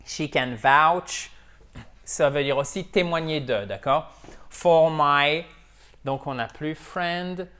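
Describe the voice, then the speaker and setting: A man's voice: on the high side, takes it slowly, a bit bright, smooth. A man teaching English in a video lesson, drilling pronunciation by repeating words and checking in with "ok?". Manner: switches between French and English.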